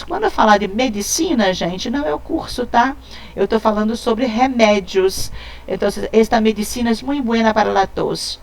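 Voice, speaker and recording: A Brazilian woman teaching a recorded Spanish lesson to schoolchildren, moving between Spanish and Portuguese, drawing out vocabulary words and often checking in with the class. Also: mid-range voice.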